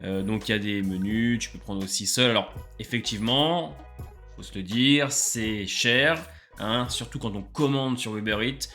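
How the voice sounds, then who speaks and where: A man's voice: fairly low pitch, moderate pace, pushed and bright, faint music behind. Chatty young man reviewing food. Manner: enthusiastic, many filler "euh"s. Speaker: food vlogger. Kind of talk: casual food review vlog.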